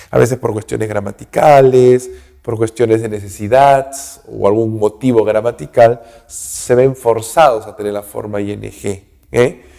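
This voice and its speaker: A man teaching an English grammar lesson, speaking slowly, checking in with "¿no?" and "¿ok?" after nearly every phrase, and saying English words louder and higher before their translation. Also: gravelly. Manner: slow and repetitive, checks in with "¿no?" and "¿ok?" constantly. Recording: long hall reverb.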